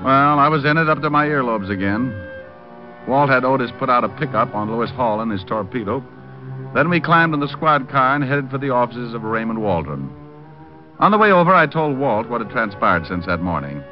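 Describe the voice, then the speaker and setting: A man's voice: mid-range voice, sing-song, a little fast, natural voice. A man playing a wry, hardboiled American private detective in an old radio drama, clipped and matter-of-fact. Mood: wry, narrating. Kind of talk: 1940s-50s radio drama, first-person detective narration. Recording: muffled old radio recording, music behind.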